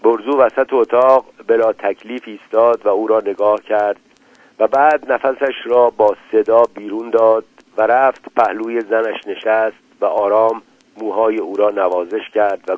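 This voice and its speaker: A man calmly reading a short story aloud as narrator, in a measured way. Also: fairly low pitch, dry recording. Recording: tinny dry lo-fi radio recording.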